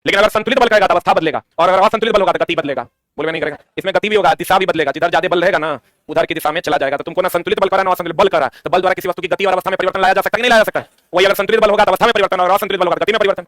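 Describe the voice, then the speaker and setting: Man, 30s, exam-prep science teacher, rapid question-and-answer drilling, dry close sound. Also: high-pitched, steady tone, a bit bright, no room sound. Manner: quizzing, asks and answers his own questions.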